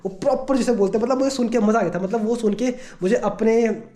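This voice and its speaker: A man's voice: high-pitched, fast, dark tone. A man from India chatting casually in a home vlog, rambling and leaning on a habitual filler phrase. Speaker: vlogger.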